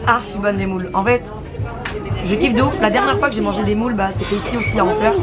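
A chatty, upbeat woman in her twenties talks fast at medium pitch, holding a camera at arm's length for a casual vlog. Loud music and a noisy crowd sit behind her voice, first in a busy restaurant and later in a car.

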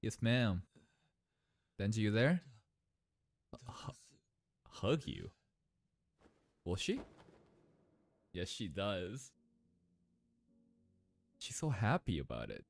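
Excitable young man reacting to anime. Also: very slow, vocal fry, pauses often. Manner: excitable, slangy, swings between loud outbursts and low muttered asides. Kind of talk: casual reaction commentary. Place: small bright indoor room. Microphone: large studio mic on a boom arm.

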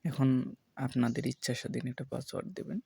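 Male tutorial host, raspy and a little gravelly, dry close sound, slow casual step-by-step delivery. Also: medium pitch, fairly even intonation, mellow, no echo. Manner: slow step-by-step instructions with fillers. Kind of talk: screen-recorded tech tutorial.

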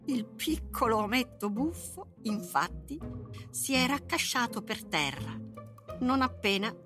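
Brief: woman storybook narrator, slow and lively in pitch, bright tone. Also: music in the background. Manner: expressive, unhurried reading.

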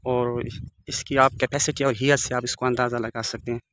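Medium-pitched and flat, fairly quick and a bit bright, the voice belongs to a forties-aged man narrating a walking tour of his village on a handheld phone camera. The recording is dry; he's outdoors in open riverbed countryside, speaking formally and devoutly with Arabic blessings.

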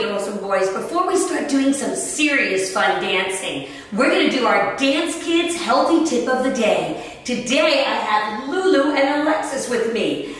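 High-pitched, singsong woman dance instructor. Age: middle-aged. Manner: energetic, singsong, encouraging calls. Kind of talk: upbeat instructional cueing to children. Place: mirrored dance studio with wooden floor. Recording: roomy, distant mic, loud music. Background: loud music.

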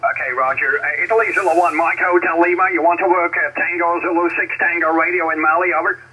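A man's voice: a little high, fairly even intonation, fast, pushed and bright. A man working as an amateur radio net controller, speaking over two-way radio in procedure words and call signs. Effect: heard over shortwave radio. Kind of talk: radio contact traffic, over walkie-talkie style. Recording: muffled noisy shortwave radio reception.

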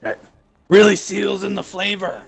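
A man streaming a shooter game, excitable and swearing constantly in casual chat with friends. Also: sits high, unhurried, vocal fry, a crowd in the background.

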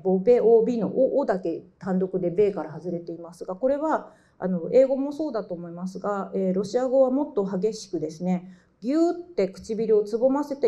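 A middle-aged woman giving a mock university lecture to high school students, explaining step by step with many fillers and self-corrections. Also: dark tone. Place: lecture hall. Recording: dull lo-fi lecture recording.

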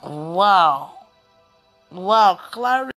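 A woman's voice: mid-range voice, lively intonation, extremely slow, fairly bright tone, faint music behind. A young woman hosting a live-stream prayer chat on a phone in a small room, reading viewer comments aloud and exclaiming often. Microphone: phone camera at arm's length.

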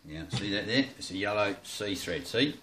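A hobbyist rod builder with an Australian accent rambles casually in his home kitchen for a how-to video, swearing freely and joking while showing off his work. His fairly low voice is expressive and moves at a normal speed, with a little hiss or hum.

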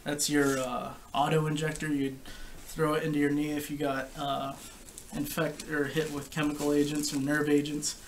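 Gravelly young man, recorded from a distance. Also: on the high side, little pitch movement. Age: young adult. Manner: informal, explanatory, halting. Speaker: gas mask collector and reviewer. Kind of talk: casual product review to camera. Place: living room couch, indoors. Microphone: camera a short distance away. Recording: distant camera mic with background noise.

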